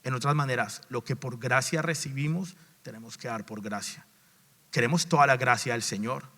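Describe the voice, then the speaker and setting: A male pastor preaching a sermon, swinging between raised emphatic lines and low asides, with restarts and repeated words. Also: moderate pace, fairly bright tone. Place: church sanctuary. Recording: long reverb of a large church hall.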